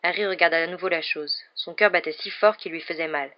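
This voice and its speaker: Audiobook reader, steady narration. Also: mid-range voice, a little fast. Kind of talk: scripted narration. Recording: dull lo-fi audio.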